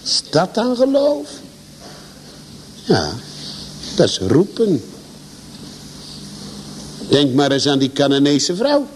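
Male pastor, sermon, high voice, slow deliberate delivery, emphatic swings in pitch and loudness, long church reverb. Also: huge pitch swings, a little hiss or hum.

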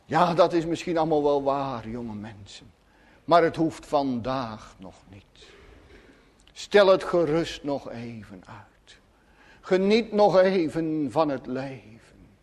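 A man's voice: on the high side, expressive, slow, darkish tone. A man voicing a sly, scheming devil who tempts and mocks churchgoers. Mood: coaxing. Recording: long church reverb.

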